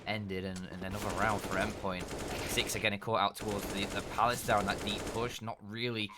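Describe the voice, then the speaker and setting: A man's voice: fairly low pitch, level tone, brisk, noisy background. A man doing live commentary on a competitive shooter match, joking and bantering with his co-caster. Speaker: esports commentator.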